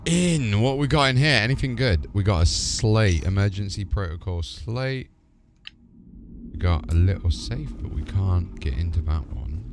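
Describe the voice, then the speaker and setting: A British video game streamer gives casual, chatty commentary, thinking aloud informally as he plays. His fairly low voice is expressive at a normal speed, with game music and a noisy background behind him.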